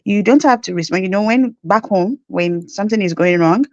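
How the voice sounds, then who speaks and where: A woman's voice: mid-range voice, fairly quick, no room sound, highs cut off. A woman with a Nigerian accent, a nurse telling her story in an interview, acting out the exchanges she describes. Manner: animated storytelling, acts out quoted exchanges. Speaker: guest nurse. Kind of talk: conversational interview.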